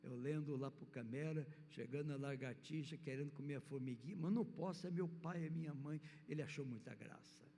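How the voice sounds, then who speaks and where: A man's voice: on the high side, a little fast, hardly any pauses, dark tone. An older man with a Brazilian Portuguese accent, preaching and telling a children's story in a church hall in a rambling storyteller's manner. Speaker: church speaker. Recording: reverberant church hall, faint noise.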